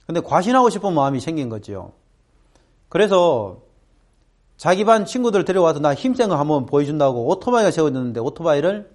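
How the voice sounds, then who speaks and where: A middle-aged man speaking to students, telling a personal story and acting out the voices of people in it. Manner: animated, acts out quoted voices with big pitch jumps. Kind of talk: storytelling talk.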